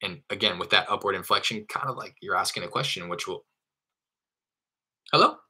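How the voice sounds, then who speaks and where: Talking fast in a steady, low-pitched voice, a real estate wholesaler casually explains how he cold-calls in a live screen-share tutorial. His style is loose and conversational with an occasional curse, and background noise is audible.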